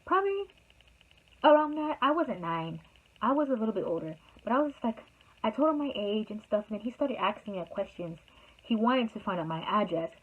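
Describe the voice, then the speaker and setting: This casual storytime comes from a young woman vlogger whose mid-range voice is sing-song, fairly quick and slightly rough. She rambles chattily through a personal story for her viewers, full of fillers, and the sound is tinny and phone-like.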